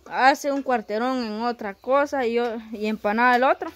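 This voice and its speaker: A woman's voice: a little high, normal speed. A woman chatting with the cook in an outdoor kitchen, adding tips and little stories. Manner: chatty, adds tips and anecdotes. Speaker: helper joining the cook. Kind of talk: casual conversation.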